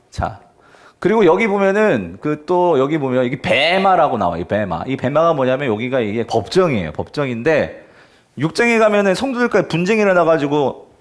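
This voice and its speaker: Guy pastor preaching, chatty, fairly high voice, pitch all over the place, keeps asking the church questions. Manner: conversational preaching with frequent rhetorical questions to the congregation. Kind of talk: sermon.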